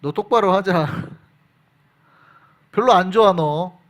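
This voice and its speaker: A man's voice: high-pitched, slow. A man voicing a stern, scolding divine figure who gives blunt warnings in a sermon.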